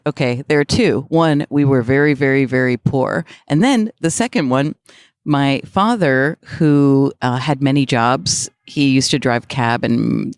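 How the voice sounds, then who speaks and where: Lively, laughing woman talking outdoors. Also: extremely low pitch, dry recording, clean studio sound. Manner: lively, laughing, animated storytelling. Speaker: interview guest, author and speaker. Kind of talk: casual chat. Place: outdoors in a park.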